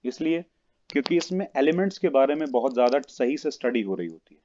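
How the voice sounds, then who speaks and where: A male chemistry teacher lectures an online class, and his voice reaches the listener in broken, cutting-out pieces over a bad call connection. The tone is mellow and the audio sounds dull and lo-fi. He explains patiently and keeps checking in with his listeners. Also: mid-range voice, very animated, fast talker, no room sound. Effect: choppy, breaking-up online call connection.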